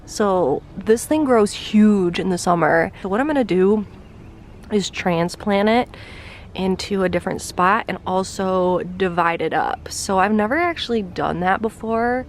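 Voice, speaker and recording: Chatty woman vlogging her garden. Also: medium pitch. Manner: chatty, with frequent "like" fillers. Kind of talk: casual vlog chat and voice-over.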